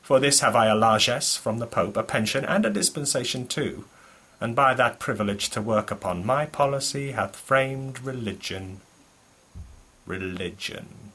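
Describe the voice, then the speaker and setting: A man performs a scheming French duke in Elizabethan stage drama, hungry for a crown and ruthless about it. His voice is forceful and husky, at a middling male pitch. He declaims blank verse with grand, emphatic weight. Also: lively intonation, unhurried, heavily acted. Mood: proud, resolute, then scornful. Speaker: actor.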